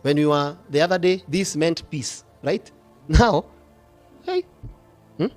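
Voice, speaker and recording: A middle-aged bishop with a Kenyan accent, preaching passionately, swinging from hushed asides to loud rebukes. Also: male voice, on the high side, takes it slowly, soft background music. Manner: passionate, switching between whispers and shouting. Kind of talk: fiery sermon.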